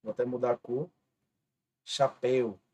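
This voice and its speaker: A man's voice: fairly high pitch, lively intonation, moderate pace, a little mellow, lo-fi sound. A man with a Brazilian Portuguese accent teaching an online grammar lesson, patiently spelling out rules step by step. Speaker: exam-prep teacher.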